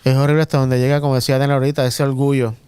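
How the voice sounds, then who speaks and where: A man's voice: medium pitch, flat delivery, racing, warm tone, smooth, dry recording. A man leading a casual Bible study discussion in a church group, asking others to look up verses. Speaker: Sabbath School discussion leader. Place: church room.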